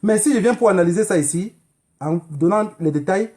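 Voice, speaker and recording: An animated man with a high, slightly mellow voice talks fairly quickly in a Cameroonian accent. He is an online activist livestreamer whose political monologue to viewers is emphatic and admonishing, full of repeated phrases and rhetorical questions.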